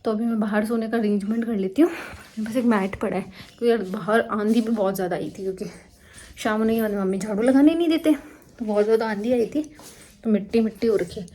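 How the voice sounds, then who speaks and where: A woman's voice: a little high, dark tone. Chatty young woman vlogging from home. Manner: chatty, rambling, with quick asides. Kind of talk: casual daily vlog narration. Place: family home in a village.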